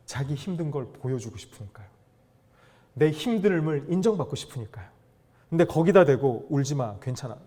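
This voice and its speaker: A middle-aged man giving a lively lecture to fathers, acting out dialogue and asking the audience questions. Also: fairly high pitch. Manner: animated, acts out dialogue, asks audience questions.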